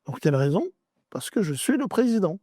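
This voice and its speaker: Male guest, slangy storyteller, lively higher voice, dry sound. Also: fairly quick, no room sound. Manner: animated, acts out dialogue, slangy street French. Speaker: podcast guest. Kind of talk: casual storytelling interview.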